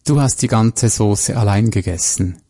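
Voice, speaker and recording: A man reading the part of a betrayed wife who speaks in a quiet, cutting tone, his voice dark and husky. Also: fairly low pitch, a little slow. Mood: icy. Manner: quiet, cutting, pressed through teeth. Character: betrayed wife, cold and vengeful.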